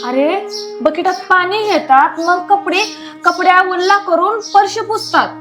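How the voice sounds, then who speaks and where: A woman's voice: very high-pitched, measured pace, fairly bright tone. A woman acting a harsh aunt who scolds and taunts, with faint music behind. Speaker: actor playing a cruel aunt-in-law. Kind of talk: amateur family drama acting.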